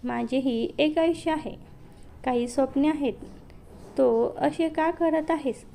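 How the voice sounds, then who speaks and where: A woman's voice: high voice, takes it slowly, creaky, mellow, slight background noise, heavily acted. A woman voicing a tearful, pleading young elder sister in a read-aloud story.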